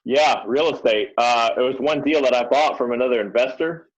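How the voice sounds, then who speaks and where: A man telling stories as a guest on a podcast, in a relaxed, easygoing way. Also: mid-range voice, moderate pace. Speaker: podcast guest, real estate investor. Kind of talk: casual interview chat. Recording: dull lo-fi sound.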